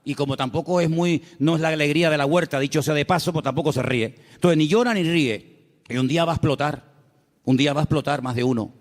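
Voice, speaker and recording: A man's voice: a little high, quick pace. A male pastor with a Canarian accent, preaching a sermon in a church, folksy and full of rhetorical questions. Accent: Canarian Spanish. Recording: long reverb of a church hall.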